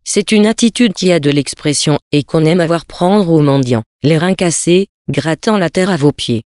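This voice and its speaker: Measured literary narrator, dry sound. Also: mid-range voice, a little mellow, no room sound. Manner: measured, poetic phrasing. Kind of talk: literary story reading.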